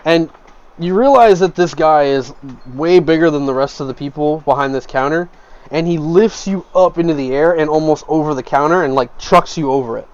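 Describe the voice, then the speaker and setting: A man's voice: on the high side, moderate pace, a little mellow, clear, resonant tone, dull audio. A man narrating a tabletop game as game master, describing scenes at length with frequent fillers.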